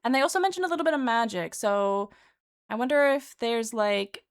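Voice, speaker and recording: Higher-voiced woman, casual streamer chat. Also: lively intonation, fairly quick, smooth. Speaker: streamer reacting to a video.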